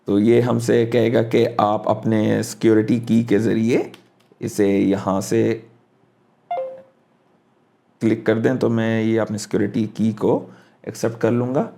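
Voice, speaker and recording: A man with a mellow, dark-toned voice talks through a screen-recorded walkthrough. He is casual and thinks aloud as he clicks from step to step, slipping English phrases into his sentences. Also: fairly low pitch, flat delivery, a little slow, creaky, pauses often. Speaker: crypto tutorial host.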